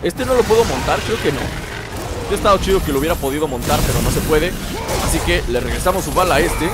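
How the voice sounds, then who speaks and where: Mexican man doing chatty gameplay commentary, teasing and playful, fairly high voice, game music behind. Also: expressive, quick pace. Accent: Mexican Spanish.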